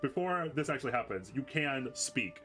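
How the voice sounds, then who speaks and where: A man's voice: mid-range voice, lively intonation, moderate pace, fairly bright tone, soft background music. A man running a tabletop game as game master, casually narrating in a rambling, self-interrupting way.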